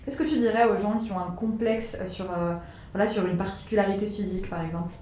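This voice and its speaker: A woman interviewer with a mellow, darker tone asking calm, simple questions. She sits far from the microphone, so her voice comes back heavily echoed with a faint hum behind it. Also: medium pitch, quick pace. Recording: very echoey room, from off-mic, faint ambience.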